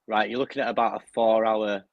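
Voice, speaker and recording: A man's voice: on the low side, flat delivery, brisk, dull audio. A young man with a strong Bradford accent chatting casually in laddish, sweary slang as an interview guest. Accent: strong Bradford, West Yorkshire English. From Bradford, northern England. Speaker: interview guest, music performer. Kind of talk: casual chat, telling stories.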